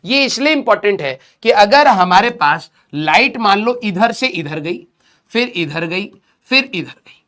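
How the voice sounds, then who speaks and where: Slow-talking male teacher with a sore throat. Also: high voice, lively intonation, bright, forceful tone. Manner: slow, repeats key terms, quizzes students and answers himself; mixes English phrases into Hindi. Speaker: physics teacher. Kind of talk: recorded video lecture.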